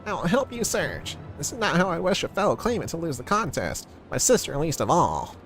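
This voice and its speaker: A man doing a worried young royal. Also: wildly swooping pitch. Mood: earnest. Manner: raised pitch, slow worried delivery. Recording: game music underneath.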